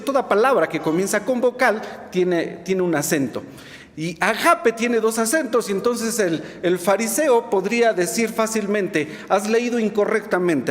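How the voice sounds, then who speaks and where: Male preacher, high and very animated delivery, long hall reverb. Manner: expressive storytelling, rhetorical asides to the congregation. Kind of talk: sermon. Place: church hall.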